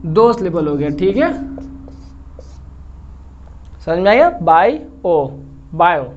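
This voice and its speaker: A man's voice: high voice, sing-song, takes it slowly. A man teaching a lesson, explaining patiently and repeating words, and he checks that the class follows. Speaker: English teacher. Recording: slightly dull lo-fi recording with faint noise.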